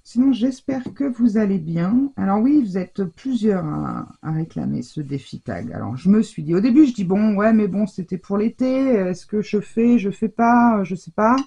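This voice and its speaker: A woman talks through a home scrapbooking tutorial, hesitant and chatty, stumbling over English words. Her voice is dark and husky with some gravel, and the recording sounds a little dull. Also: medium pitch, lively intonation, moderate pace, hardly any pauses. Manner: chatty, hesitant, many fillers and restarts. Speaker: scrapbooking crafter demonstrating. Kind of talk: casual craft tutorial.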